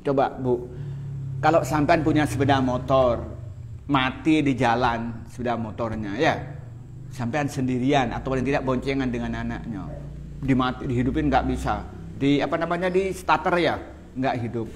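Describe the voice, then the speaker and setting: A man's voice: mid-range voice, moderate pace, slight background noise. A middle-aged man giving a religious lecture to a live audience, chatty and joking, often asking the listeners questions. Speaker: Islamic preacher.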